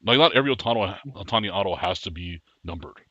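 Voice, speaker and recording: A low-pitched man in casual conversation, with a lively swing in his voice and a bright edge to it. He talks with plenty of laughter, and the sound is dry and a little dull, like a lo-fi recording. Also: fast talker, dry recording. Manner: laughs often, chatty and animated. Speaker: podcast co-host. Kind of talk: casual chat.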